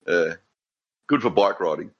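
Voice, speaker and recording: A man's voice: sits low, measured pace, slightly rough, muffled recording. An Australian man from Western Australia chatting casually, rambling, chuckling and calling people mate. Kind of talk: casual podcast chat.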